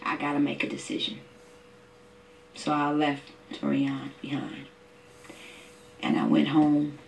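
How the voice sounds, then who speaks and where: A woman's voice: sits low, completely flat delivery, unhurried, vocal fry, far from the mic, a little hiss or hum, low-quality recording. A middle-aged mother from Oakland telling her own story in vivid, emotional detail. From Oakland, California. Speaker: interviewee, mother. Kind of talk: personal testimony.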